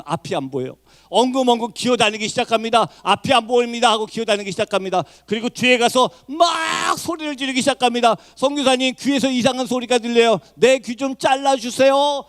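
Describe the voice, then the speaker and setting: Middle-aged missionary guy preaching, high voice, goes from soft to yelling. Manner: impassioned, swings from hushed to shouting. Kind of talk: sermon.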